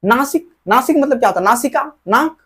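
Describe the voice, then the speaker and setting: Lively woman teaching grammar. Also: high-pitched, husky. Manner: explains slowly with rhetorical questions, calls listeners dear children; drags out example vowels when demonstrating. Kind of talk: grammar lesson for school students.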